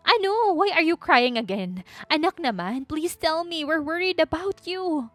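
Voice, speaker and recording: Picture an audiobook scene in which a high-pitched, overwrought wealthy mother frets and scolds, voiced by a woman narrator. She talks dramatically and jumps between Tagalog and English. The voice is dry and close, with faint music underneath. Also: a little fast, a bit bright, no echo. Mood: anxious pleading. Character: distraught wealthy middle-aged mother, shrill and fussy.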